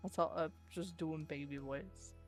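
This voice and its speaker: Woman streamer, reading a visual novel aloud, chatty asides, slow pace, lowish voice, faint game music. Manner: chatty, thinks aloud with fillers.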